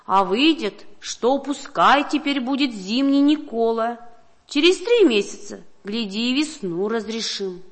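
A woman's voice: on the high side, animated, a little slow. A woman reading aloud and voicing a scheming old official who makes proclamations to a crowd. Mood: proclaiming.

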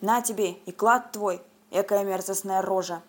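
A woman's voice: mid-range voice, steady tone, unhurried, close to an everyday voice. A woman voicing a stubborn, grumbling old village grandfather who exclaims and mutters to himself. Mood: frightened.

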